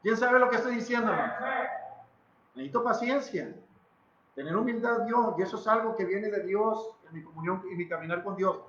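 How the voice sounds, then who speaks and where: A pastor with a Mexican Spanish accent preaches a little fast in a church hall, his high voice fairly bright. His sermon is dramatic and emphatic, with repeated phrases and questions for the congregation. The audio is reverberant and dull.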